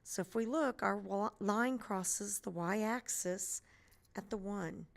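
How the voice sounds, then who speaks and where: A woman math teacher narrates a screencast lesson, walking through each step patiently. Her voice sits at an ordinary middle pitch, and she keeps things light with playful memory tricks. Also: slow, creaky.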